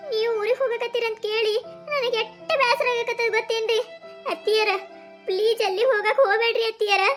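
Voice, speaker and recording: A woman's voice: very high-pitched, flat delivery, fast talker, fairly bright tone, faint music behind. A woman voicing a scheming, phone-obsessed young daughter-in-law in a cartoon comedy, whiny and melodramatic, with a North Karnataka accent. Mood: fake-sad. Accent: North Karnataka Kannada.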